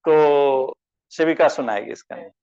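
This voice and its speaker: High-voiced man teaching a chemistry class. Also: unhurried, gravelly, a little mellow, smooth, muffled recording. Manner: addresses students as beta, asks them questions. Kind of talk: online class lecture.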